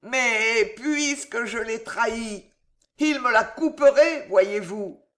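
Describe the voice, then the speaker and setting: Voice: medium pitch, a bit bright, voice pushed up. A reader voicing a drunken, greedy young nephew in a French storybook, slurring and drawing out his words. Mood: drunk, whining. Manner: slurred, drawn-out, wailing.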